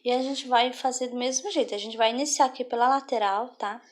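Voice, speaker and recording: A woman with a slightly high voice teaches a craft step by step. She talks patiently and keeps checking in with the viewer as she goes. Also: steady tone, a little fast. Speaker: craft instructor.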